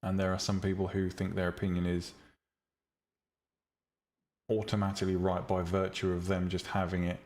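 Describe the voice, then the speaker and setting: A streamer who teaches 3D rendering and visual novel making talks about making 3D tutorials, chatting casually and bluntly with his audience. His low voice is calm and relaxing, moving at a moderate pace with long pauses, and he frequently ums and restarts.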